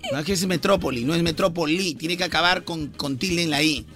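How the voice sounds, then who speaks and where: A man's voice: a little high, pushed and bright, faint music behind. A man with a Peruvian accent, hosting a radio show and trading teasing riddles in joking banter. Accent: Peruvian Spanish. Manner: teasing, quick riddle-teller. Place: radio studio.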